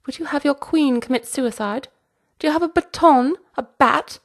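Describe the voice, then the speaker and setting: A woman's voice: high voice, normal speed, pitched above the performer's own voice. A woman voicing an imperious elderly queen who barks commands in a haughty manner. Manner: haughty, barking orders.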